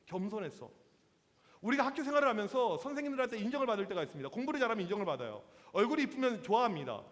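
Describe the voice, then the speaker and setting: A man in his forties preaches to teenagers as a youth pastor, high-pitched and very lively, slipping into playful voices for the stories he tells. His voice rings with the long reverb of a church hall. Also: rapid-fire. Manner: lively, acts out quotes in voices, slangy with teens. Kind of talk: sermon to teenagers.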